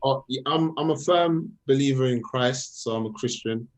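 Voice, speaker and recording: In a casual interview, a young Swedish guest artist with a mid-range voice talks about his work. His explanations come haltingly, with words repeated.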